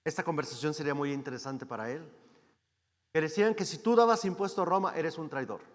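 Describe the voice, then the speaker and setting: A Mexican man preaches a sermon as a guest speaker, talking fast in a voice a little high for a man. He keeps checking in with the congregation through rhetorical questions, and a long church-hall reverb trails his words.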